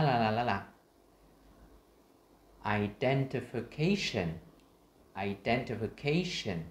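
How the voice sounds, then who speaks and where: Vietnamese-accented male tutor, lower voice, demonstrates words slowly in an echoey room. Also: slight background noise. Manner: models English words slowly and loudly between explanations. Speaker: English pronunciation teacher. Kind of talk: screen-share lesson.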